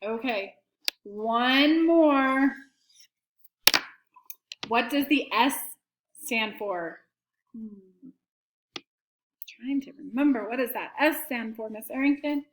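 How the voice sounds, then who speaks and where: Slow, patient woman teacher, echoey room. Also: on the high side, animated, background noise. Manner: slow, clear teacherly prompting with dictation. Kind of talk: early-grade writing lesson to students at home.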